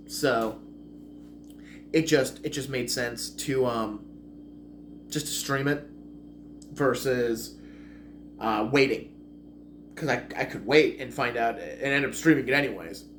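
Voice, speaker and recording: A man's voice: medium pitch, slow, pauses often, fairly bright tone, slight background noise. A man giving a casual spoken movie review, rambling and correcting himself as he goes. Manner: rambling, self-correcting, chatty.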